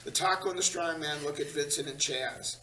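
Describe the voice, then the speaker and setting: Brisk and sharp-toned, this slightly high male voice narrates the stage directions during a table read of a screenplay. People are gathered around tables in a big meeting room, captured in a distant, echoey recording with some noise.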